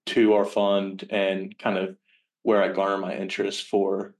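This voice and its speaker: A man's voice: low-pitched, monotone, unhurried, a little mellow. A man in his early twenties from Virginia, answering casually as a podcast guest and intern. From Virginia, United States. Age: early 20s. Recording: distant from the microphone.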